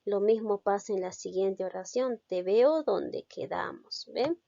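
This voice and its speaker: A woman's voice: mid-range voice, vocal fry, warm tone, no echo, dull audio. A woman giving a recorded grammar lesson, explaining step by step and checking that listeners follow. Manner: explains slowly, checks understanding with "¿ven?". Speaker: teacher.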